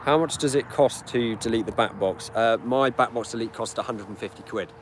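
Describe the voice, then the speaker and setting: A man's voice: mid-range voice, fairly quick. A British man in his twenties, chatting casually through a live-stream Q&A beside his car and answering viewer questions. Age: 20s. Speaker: channel host. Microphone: camera on a tripod. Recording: outdoor street and engine noise. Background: car engine and outdoor ambience.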